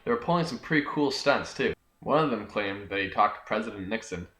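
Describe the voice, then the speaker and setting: A man's voice: lowish voice, expressive, fairly quick, pushed and bright, roomy sound, a little hiss or hum, low-quality recording. A young man hosting a jokey, scripted history lesson, talking back to himself between facts. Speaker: host of a homemade history video.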